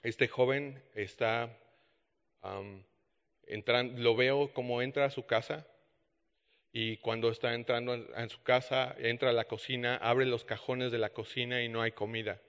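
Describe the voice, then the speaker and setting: A man's voice: mid-range voice, a little slow. A man telling stories in a sermon, acting out the dialogue. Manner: animated storytelling with quoted dialogue. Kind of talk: sermon storytelling. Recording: dull echoey hall.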